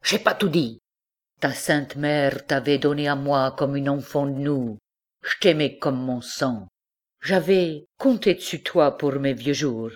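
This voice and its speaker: A woman reading aloud puts on a proud old farmer, gruff and scolding, whose voice turns to a trembling lament. The timbre sits low and altered, set apart from the narration of an audiobook. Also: expressive, a little slow, exaggerated voice. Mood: tender, sorrowful.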